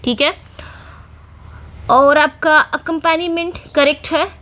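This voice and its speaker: High-voiced Indian woman teaching spelling. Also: fairly even intonation, a bit bright. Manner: spells words out letter by letter slowly; explanatory, repeats words, many "theek hai" fillers. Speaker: English teacher. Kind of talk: exam-prep spelling lesson.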